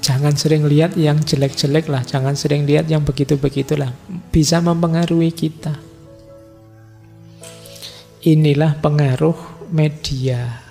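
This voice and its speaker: A middle-aged man, giving a relaxed, conversational philosophy lecture full of everyday examples. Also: fairly high pitch, unhurried, creaky, long pauses. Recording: lecture hall reverb with faint music.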